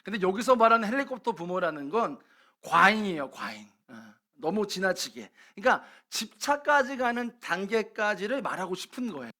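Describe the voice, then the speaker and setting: High-voiced male pastor preaching. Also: big pitch swings, normal speed, sharp tone. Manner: earnest storytelling, rising in intensity at emotional points. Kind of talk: sermon. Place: church service.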